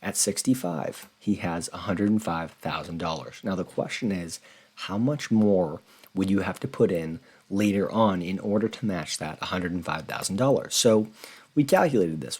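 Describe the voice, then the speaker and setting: Finance host, male, low and husky, earnest casual explainer. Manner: earnest, conversational, repeats words when rephrasing. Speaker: personal finance channel host. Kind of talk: casual explainer walking through a spreadsheet.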